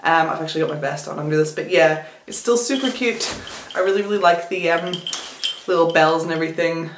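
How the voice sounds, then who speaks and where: A woman's voice: low voice, a little fast. A young woman chatting casually through a clothing haul video, giggly and full of fillers. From United Kingdom. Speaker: vlogger. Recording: echoey room, faint noise.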